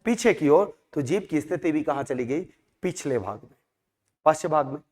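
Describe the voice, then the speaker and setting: In a classroom lecture, a man with a slightly high, animated voice teaches at a moderate pace, drilling sounds by repeating them aloud and posing questions he answers himself. The recording has a long hall reverb.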